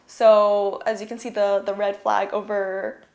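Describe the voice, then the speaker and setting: A young woman from California talks through a presentation in a loose, casual way, filling pauses with "um" and "like". Her voice sits at an ordinary middle pitch. It bounces around an echoey room. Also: flat delivery, darkish tone. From California, USA. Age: young adult. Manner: casual, uses "like" and "um" often. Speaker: university student. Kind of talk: presentation talk.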